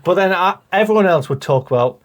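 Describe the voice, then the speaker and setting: A man's voice: high voice, animated, fast. A man co-hosting a podcast, chatting casually and teasing his co-host with challenges. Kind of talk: casual chat.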